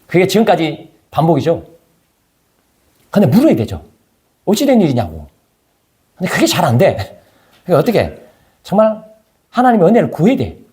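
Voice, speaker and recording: A man's voice: on the high side, huge pitch swings, normal speed, long pauses, mellow. A male pastor preaching a conversational sermon, firing rhetorical questions at his congregation.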